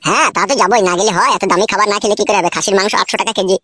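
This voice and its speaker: A woman's voice: medium pitch, racing, fairly bright tone, breathy edge. A woman playing a greedy, gullible young son-in-law in a comic skit. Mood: whiny. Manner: whiny, squabbling, playful.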